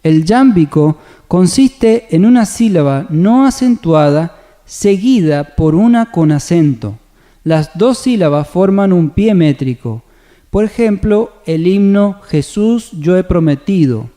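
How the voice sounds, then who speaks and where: A man presenting a church music seminar, calmly explaining hymn meter in a measured, scripted way. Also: sits high. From Argentina. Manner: calm, measured explanation with sung hymn examples. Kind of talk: scripted teaching on radio.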